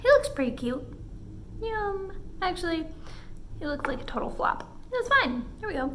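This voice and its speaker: A woman's voice: extremely high pitch, big pitch swings, normal speed, fairly bright tone, slight background noise. A young woman taste-testing her own cooking in a casual vlog, chatting between bites and talking with her mouth full, recorded on a phone. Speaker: cooking vlogger. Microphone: phone camera.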